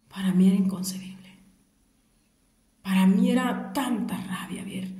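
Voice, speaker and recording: A woman telling a grieving personal story to her listeners, mostly in a hushed whisper. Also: medium pitch, reverberant. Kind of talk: personal story told to an audience.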